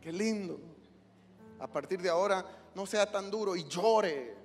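A male pastor preaching an emotional sermon in a church, swinging from hushed lines to loud cries. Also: high-pitched, measured pace, long reverb tail, faint music behind. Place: church sanctuary.

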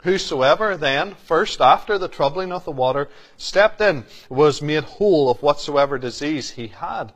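A man's voice: fairly high pitch, animated, a little slow, fairly bright tone. A man, speaking as pastor at a church service: he gives earnest, prayerful thanks, repeats key phrases, and reads scripture aloud. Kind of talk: church service address and Bible reading.

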